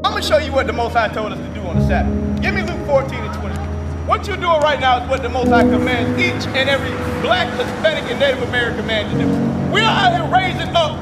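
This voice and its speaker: Man reading scripture in street preaching, very high voice, distant, music-heavy. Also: expressive, fast talker. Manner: emphatic, declaiming. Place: outdoors on a city street. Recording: distant mic, loud music behind.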